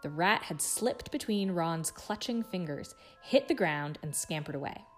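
A woman reading a book chapter aloud in a hushed, suspenseful way. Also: lowish voice, animated, unhurried, faint music behind. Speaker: guest reader.

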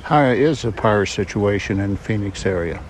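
A man's voice: on the low side, animated, normal speed, slight background noise. A man from Southern Illinois with a drawl of that region, casually interviewing campers at a campground and asking joking questions. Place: campground outdoors.

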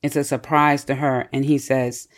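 Podcast co-host, casual book recap, animated, filler-heavy, laughs easily, mid pitch. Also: moderate pace. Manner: animated storytelling with many "like" and "you know" fillers; laughs often while retelling.

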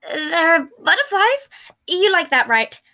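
Girl doing a gleeful chaotic guy, gory jokes tumbling out, high bright voice. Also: very animated, full character voice. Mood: eager. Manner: blurts rapid gory jokes, stumbling. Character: manic gleeful young man, morbid and chaotic. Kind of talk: fan fiction read aloud.

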